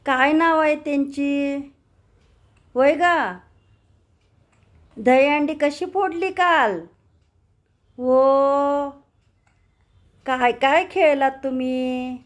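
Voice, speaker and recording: Woman comforting a baby: very slow baby talk in a high voice, sing-song cooing. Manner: coaxing, cooing sing-song with many repeated calls. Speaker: caregiver soothing a baby.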